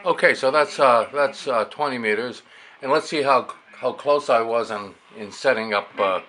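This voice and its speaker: An amateur radio hobbyist demonstrates a receiver hands-on, explaining as he goes and thinking aloud in a casual, unscripted way. His mid-range voice is pushed and bright at a normal speed. Background noise is clearly audible, with radio static and shortwave stations behind him.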